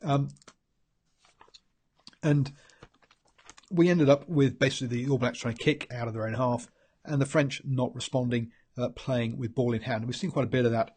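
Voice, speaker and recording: A New Zealand rugby pundit with a stuffy head cold gives a rambling solo match analysis, full of ums, restarts and long pauses. Congested, he speaks at a mid-range pitch and normal speed, his darkish voice slightly rough.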